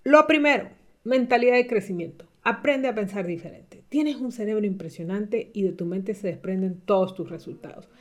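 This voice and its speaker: A middle-aged woman coach giving a motivational talk, speaking with lively, emphatic swings up in pitch. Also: moderate pace. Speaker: leadership coach.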